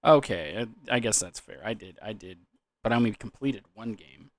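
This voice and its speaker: A man's voice: fairly low pitch, expressive, moderate pace, no echo. A young man in a loose, drunken, rambling casual chat about gaming, trailing off, repeating words and swearing casually. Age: young adult. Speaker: gaming vlogger.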